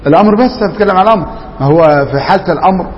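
A man's voice: high-pitched, rapid-fire, in a large hall, dull audio. A man with an Egyptian Arabic accent teaching a classroom grammar lesson, quizzing students and repeating their answers.

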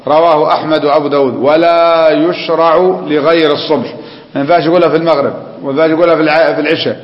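A man's voice: on the high side, steady tone, rapid-fire. A man with an Egyptian Arabic accent teaching a religious lesson. He explains step by step, keeps asking the class questions, and chants phrases to demonstrate them. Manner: chants the call to prayer to demonstrate it. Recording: echoey hall, dull lo-fi sound.

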